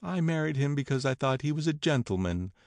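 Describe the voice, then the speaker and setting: A man's voice: medium pitch, lively intonation, brisk, a little mellow, dry recording, clean studio sound, voice pushed up, lightly acted. A man voicing a brassy, disillusioned married woman in an audiobook, emphatic and disdainful. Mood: scornful.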